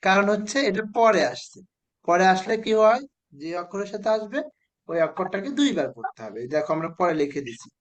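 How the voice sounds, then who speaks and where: A man, teaching spelling to a children's class, patiently repeating words slowly and quizzing the pupils. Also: sits high, lively intonation.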